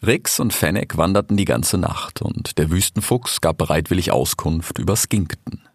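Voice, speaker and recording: A man narrating a fairy tale audiobook in a measured, storytelling manner. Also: low voice, breathy edge, no room sound, clean studio sound.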